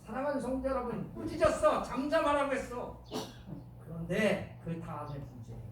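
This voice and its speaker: A male pastor with a Chungcheong accent preaching a sermon in a church, acting out shouted lines and questioning the congregation. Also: extremely high pitch, sing-song, moderate pace, slight background noise. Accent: Chungcheong Korean. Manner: dramatic, acts out shouted quotes, asks the congregation questions. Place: church sanctuary. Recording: very echoey church from a distant mic.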